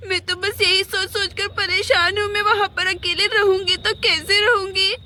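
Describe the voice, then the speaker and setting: A woman's voice: very high-pitched, little pitch movement, normal speed. A woman voicing a tearful young bride in a doll play, talking through sobs and pleading. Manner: sobbing, pleading. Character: weeping young bride Simran, tearful and clingy. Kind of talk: doll play narration with voices.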